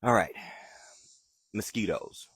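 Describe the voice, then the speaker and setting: A Southern-accented gardening show host talks in a lowish, slightly bright and a bit rough voice at a slow pace, with no room sound. He's out in his backyard running a live gardening chat, answering viewer questions in a chatty, easygoing way.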